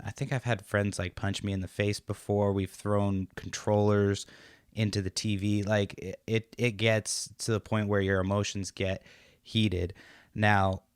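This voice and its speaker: Man, podcast host, halting and hesitant, low monotone voice, smooth resonant tone, dry sound. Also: dry recording. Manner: hesitant, halting questions with many fillers. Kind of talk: casual podcast interview.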